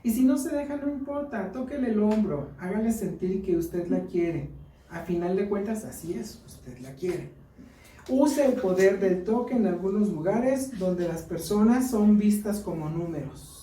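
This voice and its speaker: A woman's voice: medium pitch, animated, measured pace, mellow. A woman with a Mexican accent giving an earnest church Bible lesson, mixing teaching with personal stories. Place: church hall. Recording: echoey room, mic far off.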